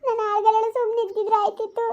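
A woman's voice: very high voice, flat delivery, quick pace, darkish tone, muffled recording. A woman playing a tearful, heavily pregnant young village wife in a skit, speaking in a thin, plaintive voice. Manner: sobbing self-blame, pleading.

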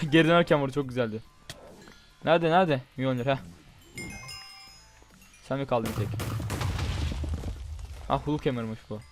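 A young man doing casual, excitable gameplay commentary, chatting straight to his viewers. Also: mid-range voice, moderate pace, pauses often. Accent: Turkish. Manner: chatty, excitable, talks to viewers as "guys" and "bro". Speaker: gaming YouTuber. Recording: faint game music behind.

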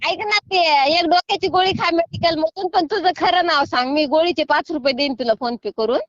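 A middle-aged woman talks from a field over the phone in a high voice that scolds and then pleads. The line is muffled and dull, and the sound is dry and close with no room around it. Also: moderate pace, no room sound. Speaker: prank call target. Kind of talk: heated phone call. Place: sitting in a field.

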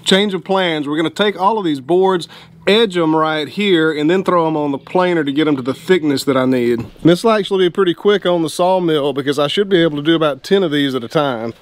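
A man, explaining his work in a relaxed, plainspoken way. He talks in an open-sided shed outdoors, recorded on a close action camera. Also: on the high side, brisk. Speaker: homesteading vlogger. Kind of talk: casual how-to narration.

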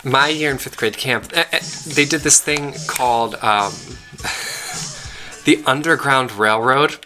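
A young man from Pennsylvania, USA, co-hosting a let's play, tells a rambling story packed with fillers as they chat casually over the game. He speaks slowly in a medium-pitched voice, with music playing underneath.

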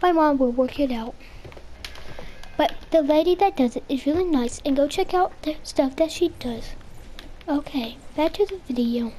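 A woman's voice: high voice, moderate pace, warm tone, a little hiss or hum. A female gamer with a Southern US accent giving rambling, silly commentary while she plays, repeating words over and over. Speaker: gaming channel host. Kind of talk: casual gameplay commentary.

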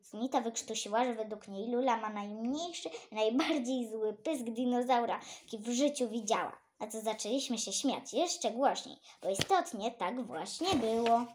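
A woman reading a children's book aloud, animated, her voice leaping up for exclamations. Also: moderate pace, few pauses, a little hiss or hum. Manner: animated, jumps high for exclamations. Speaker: storyteller.

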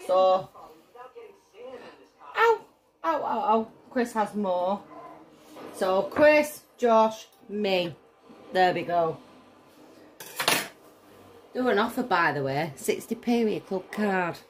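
Slow-talking, giggly tipsy Northern English woman. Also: mid-range voice, lively intonation. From northern England. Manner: blunt, chatty, exclamatory, swearing. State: tipsy from drink. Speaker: home cook vlogger. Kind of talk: casual cooking chat. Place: indoors in a home kitchen.

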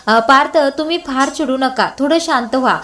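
A woman voicing a feisty young woman who speaks sharply and confronts others, in a high voice. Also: moderate pace, sharp tone. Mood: calming. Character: feisty young woman, quick to defend her sister.

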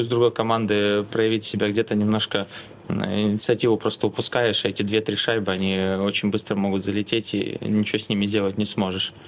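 Halting, lowish-voiced male athlete over rink noise. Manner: halting, hesitant. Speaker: hockey goalkeeper being interviewed. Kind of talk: spontaneous interview answer. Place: indoor ice rink. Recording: clear ambient rink noise.

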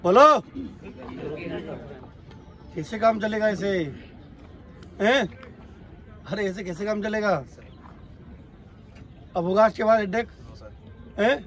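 A man with a notably high voice addresses his trainees on an outdoor track, scolding them about excuses and responsibility. He keeps asking whether they have got the point, like a stern coach drilling a lesson home. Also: slow, pauses often, slight background noise. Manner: scolding, repeatedly asks "got it?". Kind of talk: lecturing trainees.

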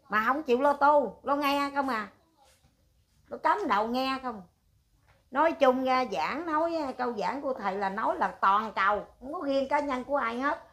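An older woman, ranting at length in a rough, scolding way and firing rhetorical questions. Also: fairly high pitch, fairly bright tone. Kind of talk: heated casual rant.

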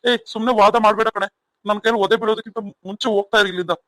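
Man playing bossy cartoon husband, fast-talking and stern. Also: high voice, steady tone, pushed and bright, no room sound. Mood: scolding. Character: young husband, stern and impatient. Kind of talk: cartoon voice acting.

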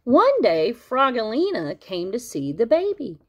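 A woman reading a children's picture book aloud, expressive and speaking the sound effects out loud. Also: fairly high pitch, measured pace, muffled recording. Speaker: storybook reader.

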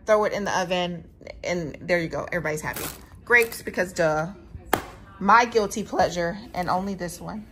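A woman's voice: lowish voice, normal speed, music in the background. A woman in her thirties filming a casual grocery haul vlog in her home kitchen, talking straight to her viewers on a phone camera held close. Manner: chatty, animated, talks straight to viewers. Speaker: family vlogger.

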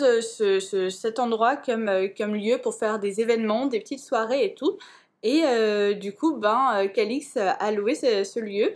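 A young woman chatting casually in a book vlog, full of fillers and restarts. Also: a little high. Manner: hesitant, many fillers and restarts. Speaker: book vlogger.

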